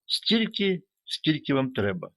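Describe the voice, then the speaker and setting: Slow, careful male teacher. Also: on the high side, sing-song, very noisy. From Ukraine. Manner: slow, careful, clearly articulated. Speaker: English teacher. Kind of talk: reading adapted stories in an online lesson.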